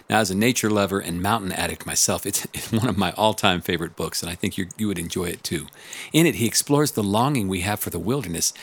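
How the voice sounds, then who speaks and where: A man hosting and narrating in a gentle, soothing, unhurried way, in a calm guided-relaxation style. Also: lowish voice, slightly rough. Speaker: podcast host and audiobook narrator. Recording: music behind the voice. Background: music.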